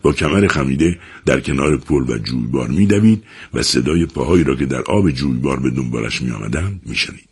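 Very deep gravelly man, husky, lively audiobook narration. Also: few pauses.

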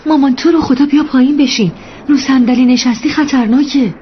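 A man's voice: highs cut off, slight background noise. A man putting on a pleading young daughter. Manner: high pleading girlish voice.

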